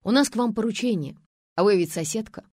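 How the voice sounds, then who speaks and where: A woman reading an audiobook, voicing a smug, bossy male police officer who speaks loudly and condescendingly. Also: mid-range voice, animated, fairly quick, no echo, studio quality, voice pushed up, natural voice.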